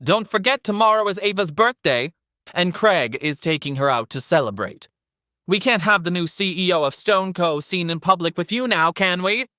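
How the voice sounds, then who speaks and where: A man voicing a cold, shrill, sarcastic wealthy mother-in-law in an audio drama. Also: animated, moderate pace, pushed and bright, no echo, studio quality. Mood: cold sneering. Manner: sarcastic, sneering.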